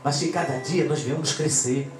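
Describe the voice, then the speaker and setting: Animated preacher in an echoey church. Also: male voice, fairly high pitch, moderate pace. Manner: animated, swings between loud exclamations and quiet asides. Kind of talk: pentecostal sermon. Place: church hall. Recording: echoey church with guitar music. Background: guitar playing.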